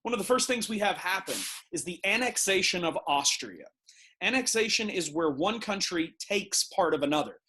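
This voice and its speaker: A man's voice: high voice, lively intonation, normal speed, sharp tone. A middle-aged man from the United States teaching a recorded history lesson, talking conversationally and using everyday analogies.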